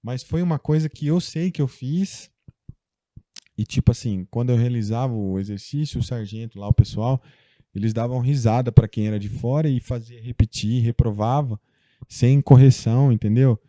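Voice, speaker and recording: A man's voice: medium pitch, moderate pace, mellow, dry recording. A young Brazilian man, a guest in a casual interview, telling a personal story in a loose, chatty way full of fillers. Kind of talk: casual conversation.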